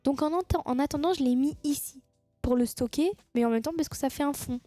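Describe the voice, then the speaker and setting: High-voiced teasing woman streamer. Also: brisk, dark tone, no room sound, soft background music. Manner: teasing, chatty, laughs at her own jokes. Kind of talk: casual live-stream chat with viewers.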